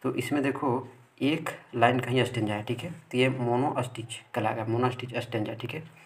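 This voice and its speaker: A man teaching English literature, explaining definitions slowly and checking in with his listeners often. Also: mid-range voice. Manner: mixes Hindi explanation with slowly read English definitions, frequent "ठीक है" checks. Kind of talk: explaining poetry terms in a video lesson.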